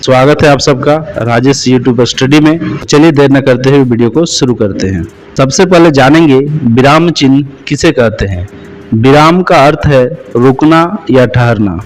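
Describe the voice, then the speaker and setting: A man teaching a grammar lesson as a voice-over, slowing down to stress his example sentences. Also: medium pitch, a little hiss or hum, poor audio. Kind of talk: explanatory lesson.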